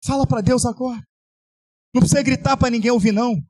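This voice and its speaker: A Brazilian man preaching an impassioned altar-call sermon, often shouting and half-singing his pleas. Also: extremely high pitch, steady tone, quick pace. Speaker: pastor.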